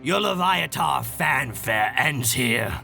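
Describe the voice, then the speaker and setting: A man voicing a vengeful, gloating hobgoblin warrior with pirate-like, drawn-out threats in a tabletop game. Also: medium pitch, lively intonation, creaky, bright, forceful tone, pitched below the performer's own voice, full character voice. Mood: threatening. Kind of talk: tabletop role-play. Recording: music behind the voice.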